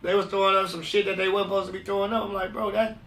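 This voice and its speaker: A high, bright-voiced man from California sits in as a guest and spins loose, slang-heavy stories, slipping into the voices of the people in them. He sounds set back from the mic in a roomy space that adds a clear echo. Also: level tone, racing, far from the mic. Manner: loose slangy storyteller who acts out quoted voices. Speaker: guest, recording artist just out of jail. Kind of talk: casual podcast interview.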